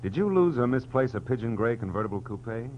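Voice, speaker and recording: An actor playing a tough, sardonic American private investigator with clipped, slangy delivery in a 1940s radio drama. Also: male voice, mid-range voice, animated, brisk, close to an everyday voice. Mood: sardonic, unruffled. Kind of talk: 1940s radio detective acting and narration. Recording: muffled old radio recording with hum.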